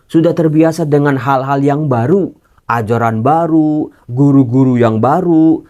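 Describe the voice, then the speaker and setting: A man's voice: mid-range voice, darkish tone. Priest, male, mid-range voice, earnest Bible teaching with casual asides. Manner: earnest, addresses listeners as brothers and sisters; mixes casual colloquial asides into formal teaching.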